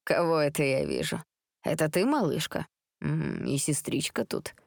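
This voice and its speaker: A woman voicing a drunk, cocky teenage boy in a storybook reading, speaking in a slow, smirking drawl. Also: sits low, wildly swooping pitch, creaky, darkish tone, no room sound, clean studio sound, heavily acted. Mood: mocking.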